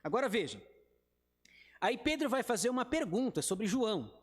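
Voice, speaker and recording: A man's voice: very high voice, sing-song, moderate pace, breathy edge, long reverb tail. A male pastor with a Brazilian Portuguese accent teaching a Bible study in a conversational way, talking to the group and acting out quoted lines. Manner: talks to the group directly and acts out quoted speech.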